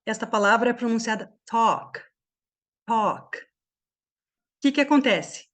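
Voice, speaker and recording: A woman from Brazil teaching an online English class, explaining pronunciation slowly and often checking that her students follow. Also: fairly high pitch.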